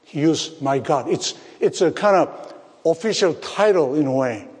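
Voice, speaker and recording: A man preaching a sermon, speaking slowly, repeating phrases and asking his listeners rhetorical questions. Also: a little high, animated, a little mellow. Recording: long hall reverb.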